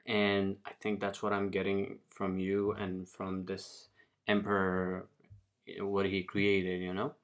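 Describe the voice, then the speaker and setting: A man interviewing someone in a casual conversation, phrasing his thoughts in a halting, thoughtful way. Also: low-pitched, completely flat delivery.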